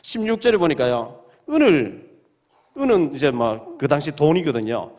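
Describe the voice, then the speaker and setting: A man preaching in a church, his fairly high voice rising and falling with lively swings. He reads the verses aloud and retells the stories with plenty of drama. Sermon delivery with an audience in mind. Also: moderate pace. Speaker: pastor. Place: church sanctuary.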